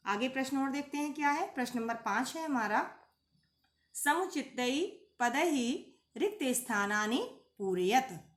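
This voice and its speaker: A woman leads a classroom-style lesson, methodically posing questions and then answering them herself. Her voice sits a little high. She slows down to recite word forms one by one, and the recording has a noticeable room echo. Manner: recites Sanskrit word forms slowly and deliberately. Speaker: Sanskrit teacher. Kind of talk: classroom lesson explaining a textbook.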